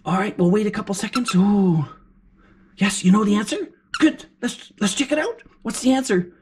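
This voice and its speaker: A woman voicing an excitable, encouraging furry puppet as a kids show host, with gasps and exclamations while teaching children. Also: medium pitch, normal speed, natural voice. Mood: excited, encouraging. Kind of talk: children's lesson, sing-out praise and questions. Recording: clear background noise.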